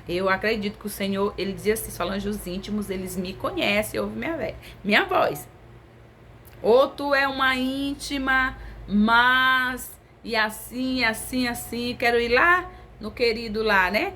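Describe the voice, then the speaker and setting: Woman preacher, fairly high voice, close conversational sermon, faint hiss behind. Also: fairly bright tone. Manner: intimate, conversational preaching with drawn-out emphatic phrases.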